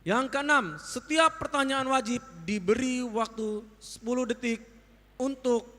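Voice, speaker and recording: A woman reads rules formally as a competition judge. Her voice is bright and carries with long hall reverb. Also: a little high, measured pace. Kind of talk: formal rule reading to contestants.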